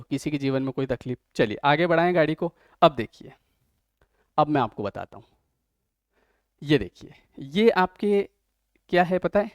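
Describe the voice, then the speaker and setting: A man's voice: on the high side, darkish tone, no room sound. A man with an Indian accent teaching an online exam-prep lesson. He explains step by step and keeps checking whether his students follow.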